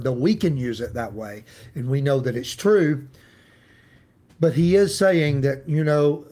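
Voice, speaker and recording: A man's voice: on the high side, a little mellow. A man with an Appalachian accent giving an informal devotional talk as a Bible teacher, in a folksy, plain-spoken way. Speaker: Bible teacher and church host.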